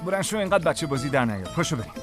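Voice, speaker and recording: A man's voice: on the high side, big pitch swings. An actor dubbing a young man who scolds and mocks his brother. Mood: scolding. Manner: scolding, sarcastic. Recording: dubbed film with music behind.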